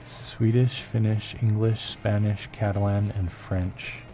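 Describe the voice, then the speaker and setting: A deep-voiced man rambles casually to his viewers while he plays, thinking aloud and filling gaps with fillers. Game music plays clearly behind him throughout. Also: little pitch movement, slow. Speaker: live-streamer.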